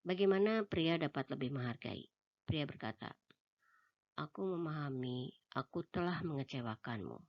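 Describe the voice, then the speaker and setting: A woman reading a self-help book aloud in a steady manner, giving voice to the quoted lines of dialogue. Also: low voice, normal speed, lo-fi sound. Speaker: book reader.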